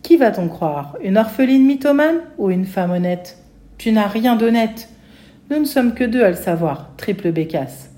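A woman's voice: a little high, expressive, moderate pace, mellow, lightly acted. Woman voicing a cruel, scornful aunt. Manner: scornful, cutting.

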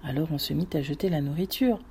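A woman narrating a classic short story aloud in a measured, expressive way. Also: sits low, vocal fry, breathy edge.

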